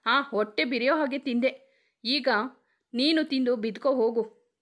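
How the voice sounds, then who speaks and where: A woman's voice: high-pitched, measured pace, fairly bright tone. A woman voicing a young wife and mother with a teasing, fretful manner.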